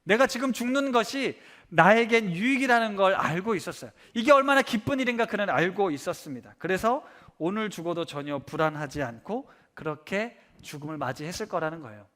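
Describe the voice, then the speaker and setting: A man preaching a sermon as pastor, animated and earnest, acting out imagined complaints to God. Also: high voice, brisk. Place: church hall.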